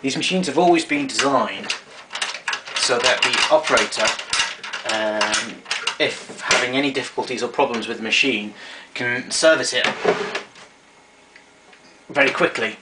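Medium-pitched and a little slow, this man leaves long pauses as he informally walks through a piece of equipment, explaining plainly. A camera mic a short way off captures him in a small domestic room, giving a noisy, amateur-sounding recording with obvious background noise.

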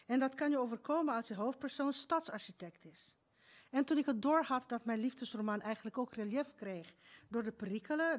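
A woman in her fifties from Romania, giving a prepared speech from a stage with measured, literary storytelling. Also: on the high side. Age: 50s. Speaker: speaker at a book event. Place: stage in an event hall.

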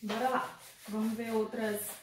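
A woman's voice: on the high side, flat delivery, measured pace. A Brazilian woman teaching a remote primary school class, speaking affectionately and asking the pupils questions. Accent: Brazilian Portuguese. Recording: echoey room, faint noise.

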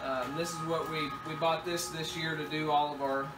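A man's voice: fairly high pitch, flat delivery, normal speed, over loud music, poor audio. A man in his thirties, a homestead father, casually explaining a kitchen task while working with his kids at home. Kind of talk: casual demonstration.

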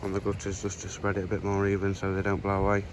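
A fast-talking man with a low voice and totally flat delivery tours his allotment and then his indoor plants, filming handheld on a phone. The commentary is chatty and plain-spoken, with wind noise outside before it shifts to a room at home.

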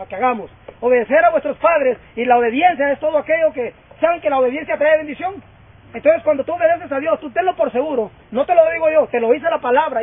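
A man in his fifties preaching a fervent sermon and calling out for amens. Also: very high-pitched. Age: 50s. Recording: tinny phone-like sound.

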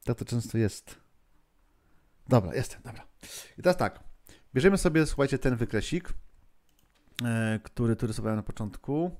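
A man's voice: medium pitch, expressive, moderate pace, pauses often, a little mellow. A man hosting a live-streamed lesson, thinking aloud with many fillers and restarts, chatting with viewers and moderators as he goes.

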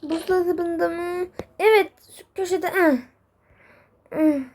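A woman's voice: sits high, fairly even intonation, moderate pace, warm tone. A woman narrating a game role-play, talking to herself in a frantic, panicky way. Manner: frantic, panicky self-talk. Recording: noisy background with clicks.

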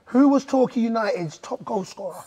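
High-pitched London man hosting a quiz. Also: a little fast, very noisy. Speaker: quiz host. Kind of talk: lively quiz hosting with slangy banter. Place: industrial indoor studio with metal walls, seated apart from contestants.

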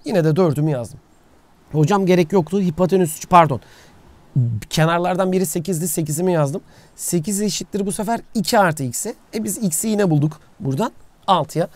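A man's voice: a little high, darkish tone, dry recording. A man teaching a casual geometry lesson outdoors, asking questions and answering them himself. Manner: talks to himself, asks and answers his own questions. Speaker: math teacher. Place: outdoors, by the sea.

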